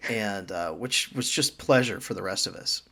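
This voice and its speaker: A man's voice: lowish voice, normal speed, vocal fry, bright, forceful tone. A man co-hosting a casual podcast, telling stories with dry, profane humor. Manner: storytelling with dry swearing humor. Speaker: podcast co-host. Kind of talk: casual chat.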